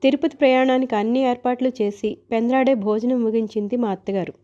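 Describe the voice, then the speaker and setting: A woman narrating a story aloud, wry and chatty in her telling. Her voice sits fairly high and sounds mellow, and the recording is dull and lo-fi.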